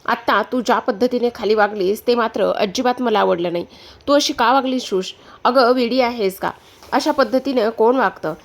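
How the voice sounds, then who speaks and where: A woman's voice: fairly high pitch, moderate pace, close to an everyday voice. A woman voicing a young married elder sister who scolds and pleads in a retold serial story, in her own voice. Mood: scolding. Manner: lecturing, pleading.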